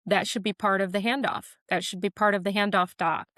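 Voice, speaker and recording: A woman podcast guest talking casually, explaining ideas with quick made-up examples. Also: mid-range voice, fairly even intonation, fairly bright tone, no echo, clean studio sound. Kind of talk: casual interview talk.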